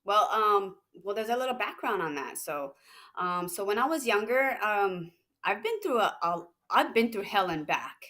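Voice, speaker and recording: A young woman from Hawaii, a fighter talking casually in an interview, relaxed and rambling with many fillers. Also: medium pitch, normal speed. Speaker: MMA fighter, guest.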